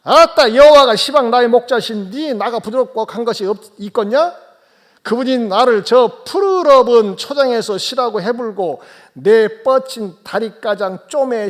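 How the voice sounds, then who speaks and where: A man's voice: high voice, pitched above the performer's own voice, lightly acted. A man voicing a cheerful rustic countryman with a South Jeolla dialect, reciting a psalm with folksy exclamations. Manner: exclaiming, drawn-out folksy drawl.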